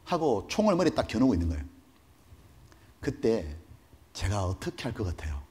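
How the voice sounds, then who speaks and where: A man's voice: fairly low pitch, brisk. A male pastor delivering a sermon, telling stories animatedly and asking the congregation rhetorical questions. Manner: animated, storytelling, mock-dramatic. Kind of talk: sermon with dramatized storytelling.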